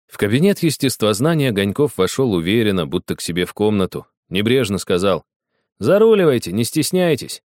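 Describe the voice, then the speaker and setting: Lively low-voiced male storyteller. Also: a little fast, no echo, clean studio sound. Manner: expressive storyteller who acts out dialogue. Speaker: narrator. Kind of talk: audiobook storytelling.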